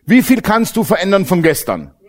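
Male preacher, humorous lively sermon style, expressive pitch, slightly high voice. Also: moderate pace. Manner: animated, jokes with the congregation, swings from loud to hushed.

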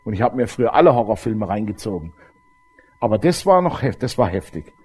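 A man's voice: fairly low pitch, very animated, a little fast, a little mellow, breathy edge. A middle-aged man, preaching a testimony sermon and telling his story straight to the congregation. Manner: storytelling, addresses the audience directly.

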